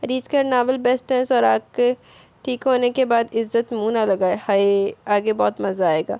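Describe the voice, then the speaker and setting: A woman chats through viewer comments, thanking each one by name. Her voice sits a little high and carries a gravelly fry. The sound is close and dry, with no room around it. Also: flat delivery, moderate pace, no echo. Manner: warm thanking, chatty replies to listeners. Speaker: novel narrator reading viewer comments. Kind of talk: casual comment reading.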